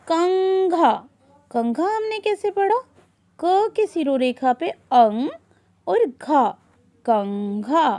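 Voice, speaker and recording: A woman with a high voice gives a children's reading lesson at a very slow, careful pace. She sounds out each syllable on its own and then puts the word together. The recording is dry and close, with no room sound. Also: a little mellow, no room sound. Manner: asks questions and answers them herself. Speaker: teacher.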